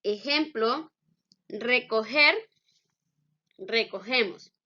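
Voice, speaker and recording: A woman teacher explaining spelling and punctuation rules slowly and with careful enunciation. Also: a little high, sharp tone. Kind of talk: spelling and grammar lesson. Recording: dull lo-fi recording.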